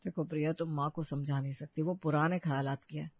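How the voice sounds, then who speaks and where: A woman's voice: deep voice, steady tone, a little fast, no room sound, pitched below the performer's own voice. A woman voicing a stern, old-fashioned father in a cartoon who dismisses his wife. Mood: dismissive. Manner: dismissive, lecturing. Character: stern traditional father, middle-aged man. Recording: dull dry recording.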